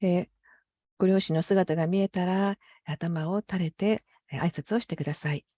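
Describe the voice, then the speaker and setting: A woman's voice: lowish voice, fairly even intonation, normal speed, mellow, no room sound, clean studio sound. A woman working as an interpreter for a guided meditation, speaking politely and carefully with hesitant phrasing. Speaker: consecutive interpreter.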